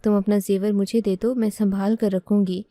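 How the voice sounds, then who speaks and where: A woman's voice: mid-range voice, little pitch movement, moderate pace, warm tone, dry recording, close to an everyday voice. A woman voicing an arrogant, bullying young sister-in-law in a storybook reading, speaking in a domineering, threatening way.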